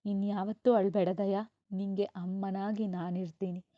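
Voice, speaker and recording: A woman voicing a loving, emotional older brother who speaks gently and affectionately to his sister. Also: medium pitch, level tone, a little slow, no room sound, close to an everyday voice. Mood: tender. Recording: dull, slightly lo-fi dry sound.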